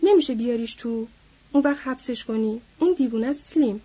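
Woman doing tired grieving ranch guy, pleading, husky, mellow tone. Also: fairly high pitch. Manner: pleading, subdued. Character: weary, grieving male ranch worker. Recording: dull lo-fi recording.

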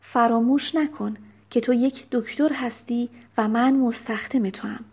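A woman voicing a bold young noblewoman disguised as a sailor boy, giving brisk commands in a storybook reading. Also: a little high, steady tone, a little mellow, slightly rough. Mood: commanding.

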